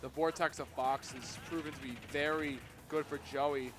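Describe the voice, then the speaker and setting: A man giving live color commentary on a fighting game tournament, explaining the play in a measured, analytical way. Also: on the high side, steady tone, noisy background. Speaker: esports co-commentator. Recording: music playing behind.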